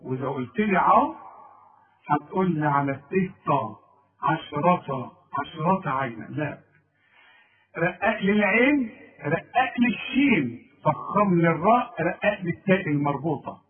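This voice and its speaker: An Egyptian man gives a tajweed lesson, correcting a student and drawing out each sound slowly. His voice sits high for a man. The audio is thin and tinny, as if heard over a phone line. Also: animated. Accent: Egyptian Arabic. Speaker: Quran recitation teacher.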